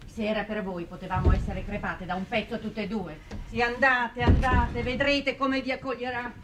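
An actress playing a sharp-tongued, scolding housemaid in a 1950s television drama, sarcastic in manner. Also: female voice, medium pitch, steady tone, a little fast, close to an everyday voice. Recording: hissy old 1950s TV recording.

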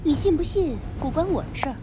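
A high-sitting female voice with lively intonation speaks fast over background noise, acting in a Chinese radio drama as a cold, scheming woman who betrays her gang from within. She is taunting and coolly condescending throughout.

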